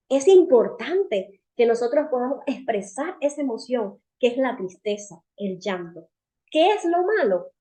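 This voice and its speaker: Woman speaker, warm, slightly high voice, earnest devotional teaching that speaks straight to her listeners. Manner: earnest, asks the audience rhetorical questions; addresses listeners directly as friends and sisters. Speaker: women's seminar speaker.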